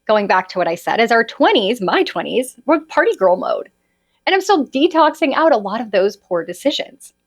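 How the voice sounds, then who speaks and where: A woman in her late thirties talks through a solo podcast episode in a chatty, confiding tone. Her voice swoops up and down with animated, lively intonation. She keeps pulling her listeners in with little "right?" asides. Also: mid-range voice. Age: 30s. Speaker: podcast host and holistic health coach.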